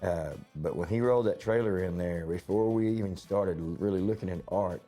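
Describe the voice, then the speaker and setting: A low-pitched man with a dark, mellow voice, spinning folksy stories about his shop. He rambles through anecdotes and acts out the dialogue as he goes. Faint music plays underneath. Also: brisk. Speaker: store owner. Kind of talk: casual interview storytelling.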